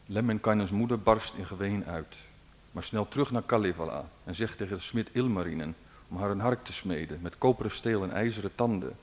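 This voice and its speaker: A man narrating an old folk epic aloud in a measured, dramatic way. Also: lowish voice. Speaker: storyteller. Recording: long hall reverb.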